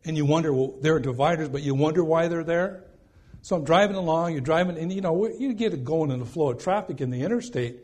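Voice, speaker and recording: Husky folksy male preacher. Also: a little high, fast, a little mellow. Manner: folksy, rambling, repeats "okay?" for emphasis. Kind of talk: sermon.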